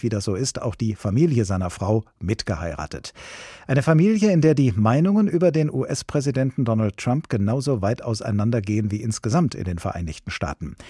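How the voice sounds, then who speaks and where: A man presenting a culture radio program, introducing segments in a measured, articulate way. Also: mid-range voice, warm tone, slightly rough, dry recording, clean studio sound. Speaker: radio host. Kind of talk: scripted radio moderation. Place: radio studio. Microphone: studio microphone.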